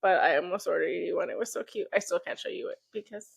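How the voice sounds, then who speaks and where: A woman's voice: lowish voice, fast, creaky, breathy edge. A woman in her twenties co-hosting a podcast, easygoing, often answering with "mm-hmm" and "sure.". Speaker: podcast co-host. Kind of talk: casual chat.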